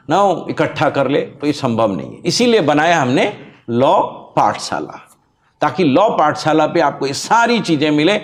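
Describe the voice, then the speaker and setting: A male law teacher giving a lecture-style channel introduction, stressing key points emphatically, repeating them, and spelling out words letter by letter. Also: a little high.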